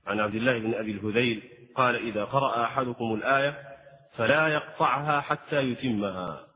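A man teaching the rules of Quran recitation, explaining at a measured pace and breaking into slow, melodic recited examples. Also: mid-range voice, long reverb tail. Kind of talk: tajweed lesson with chanted examples. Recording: slightly dull lo-fi sound.

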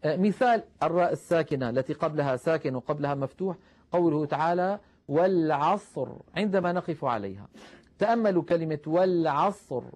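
A man teaching the rules of Quran recitation, explaining patiently, calling his listeners brothers and slowing down to recite example verses. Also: on the high side, a little mellow. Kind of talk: tajweed lesson.

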